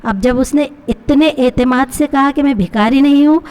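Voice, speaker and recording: High-voiced woman teaching a story. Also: a little mellow. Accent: Pakistani. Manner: explains each line with questions to pupils. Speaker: Urdu teacher. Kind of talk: reading and explaining a story lesson.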